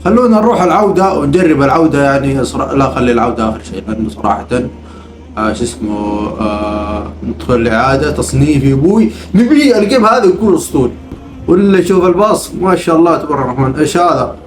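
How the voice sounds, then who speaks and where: Casual male gameplay host, Gulf Arabic accent, quick delivery, repeats his phrases, some music behind. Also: mid-range voice, reverberant. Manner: repeats catchphrases and short phrases. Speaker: gaming video host.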